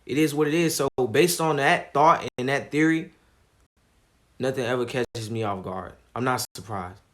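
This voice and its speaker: A man streaming live, talking casually in a calm, laid-back way with plenty of slang. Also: mid-range voice, moderate pace. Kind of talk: casual livestream commentary.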